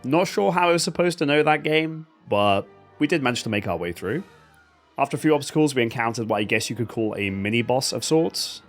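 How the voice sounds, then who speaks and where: A man narrates his playthrough of a video game with dry, sarcastic humor, laughing at its oddities. His pitch swings widely as he talks. Soft game music plays faintly behind him. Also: lively intonation, brisk. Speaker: gaming video host. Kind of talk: comedic gameplay commentary voice-over.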